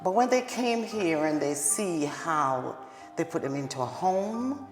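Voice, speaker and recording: A woman with a Jamaican accent, a direct support professional, answers interview questions plainly and directly. Her low voice is expressive and a little slow. She's recorded in an echoey hall with music in the background.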